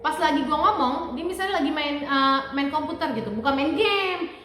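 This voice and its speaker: A middle-aged Indonesian woman, giving relationship advice in a casual, animated vlog and acting out her husband's lines. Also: high voice, brisk. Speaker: vlogger. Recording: very echoey room with faint music.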